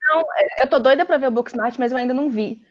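A woman's voice: high voice, fast. Brazilian woman with lo-fi, muffled sound. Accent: Brazilian Portuguese. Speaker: panelist. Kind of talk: casual roundtable chat. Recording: dull lo-fi audio.

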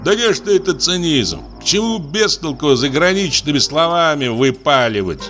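A man's voice: a little high, lively intonation, moderate pace, a bit bright, soft background music, pitched above the performer's own voice. A man doing a sleepy, grumpy husband. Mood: grumbling. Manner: drowsy, grumpy and dismissive. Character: sleepy, grumbling male assistant prosecutor, middle-aged.

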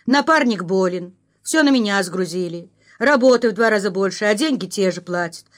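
A woman voicing a loud, complaining male truck driver in an audiobook reading, with a whiny, indignant manner. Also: mid-range voice, lively intonation, moderate pace, natural voice.

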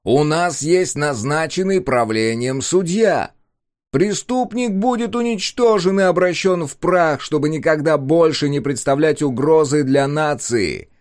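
A man voicing a male announcer heard over a distant loudspeaker, proclaiming each word slowly. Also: on the high side, no echo, studio quality, voice pushed up. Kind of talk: audiobook narration.

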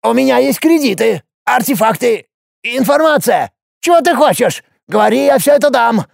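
A man voicing a cowardly red-skinned dwarf lord with a creaky, squealing voice. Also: expressive, normal speed, no echo, clean studio sound, full character voice. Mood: desperate bargaining. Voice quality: creaky, shrill. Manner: squealing, wheedling bargainer.

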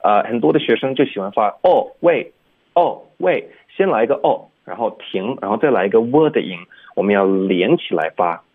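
A man's voice: on the low side, lively intonation. Phone-like male radio English teacher. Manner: demonstrates English sounds slowly and repeats them. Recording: phone-like narrow-band radio sound.

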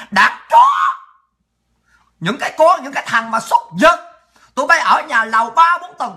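A woman rants to her livestream audience in a very high, sharp and cutting voice. She is furious throughout, hurling insults and often shouting. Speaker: political livestream host. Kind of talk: angry political rant.

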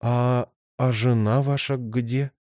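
A man's voice: mid-range voice, fairly even intonation, takes it slowly, a little mellow, no room sound, studio quality, lightly acted. A man voicing a frightened young woman, pleading and panicked. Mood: confused.

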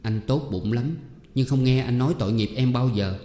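A man voicing a sharp, jealous young wife, firing pointed, accusing questions. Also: medium pitch, normal speed, natural voice. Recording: roomy hall echo, faint music.

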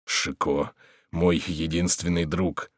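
A man's voice: low voice, flat delivery, slow, no echo, clean studio sound, pitched below the performer's own voice. A man voicing a fearful, melancholy king who speaks in a subdued, pleading way in an audiobook. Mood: weary.

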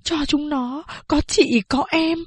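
A woman's voice: high-pitched, takes it slowly, no room sound, voice pushed up. A woman doing a humble, tearful old mother. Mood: pleading. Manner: humble and pleading.

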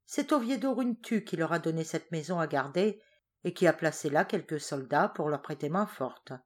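A woman's voice: low-pitched, expressive, normal speed. A woman reading an audiobook voices a sly male war minister who reports carefully to his master. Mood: cautious.

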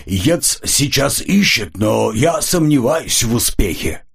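A man's voice: mid-range voice, expressive, slow pace, creaky, slightly rough, pitched above the performer's own voice, heavily acted. A man voicing a matter-of-fact police inspector in an audiobook. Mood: offhand.

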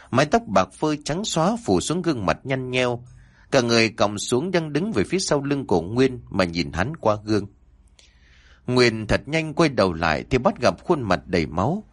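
Man narrating a horror story, lively pitch. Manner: voices characters' dialogue with shifting pitch.

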